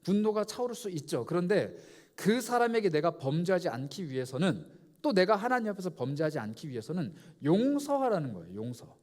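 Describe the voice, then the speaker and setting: Male pastor, sermon delivery, mellow tone, animated rhetorical style. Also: sits high, brisk. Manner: lively preaching with rhetorical questions and emphatic repetition.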